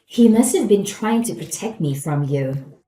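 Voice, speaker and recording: Smug, animated new wife, acted by a woman. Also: medium pitch, unhurried, echoey room, soft background music, close to an everyday voice, poor audio. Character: smug, gloating, falsely polite new wife. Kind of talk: scripted story dialogue.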